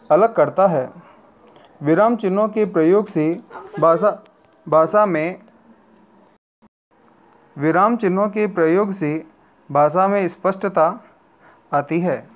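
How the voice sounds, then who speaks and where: A male teacher giving a grammar lesson in a slow, unhurried delivery. His voice sits a little higher than most men's. He is deliberate and often repeats or corrects a phrase before moving on. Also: darkish tone.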